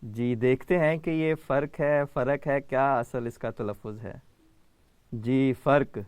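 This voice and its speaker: Man, children's show host, teaching quiz, patient, clear resonant voice, dry close sound. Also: medium pitch, darkish tone, no echo. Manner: patient, calls on children by name.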